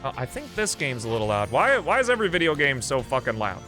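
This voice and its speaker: A man who streams and hosts games rambles offhandedly in casual live commentary, thinking out loud as he plays. His medium-pitched voice swings widely in pitch and sounds fast, bright, and forceful. Video game music sits underneath his voice.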